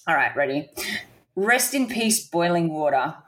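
A woman's voice: deep voice, expressive, a little slow, fairly bright tone, slight background noise. A woman hosting a podcast, trading dad jokes in playful, giggly casual chat. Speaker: podcast host.

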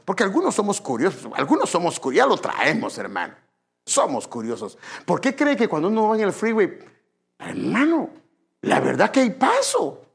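Wildly swooping gravelly male preacher. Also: on the high side. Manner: emphatic, keeps addressing listeners as brother. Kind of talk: evangelical sermon.

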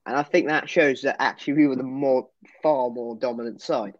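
A man's voice: medium pitch, a little fast, no echo, highs cut off. A man co-hosting a football podcast, reviewing a match in casual chat, hesitant and full of fillers and restarts.

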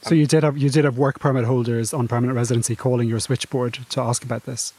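A man's voice: medium pitch, flat delivery, quick pace, a little mellow. A man asking conversational follow-up questions as an interviewer.

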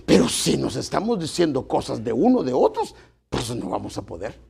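A man's voice: medium pitch, sing-song, moderate pace, gravelly, darkish tone, breathy edge. A middle-aged man, preaching a folksy sermon to his congregation and addressing them as brothers. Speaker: pastor.

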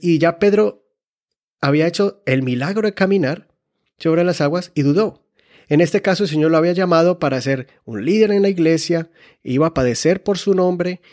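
A man's voice: fairly high pitch, moderate pace, darkish tone. A man preaching a sermon, earnestly telling stories and correcting himself as he goes. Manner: earnest, often acts out quoted dialogue; frequent restarts and self-corrections. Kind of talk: sermon with personal storytelling.

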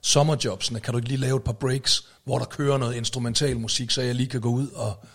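Husky man chatting casually. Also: medium pitch, level tone. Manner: frequent tag questions and fillers, swears casually. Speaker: podcast co-host, musician. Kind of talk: casual chat.

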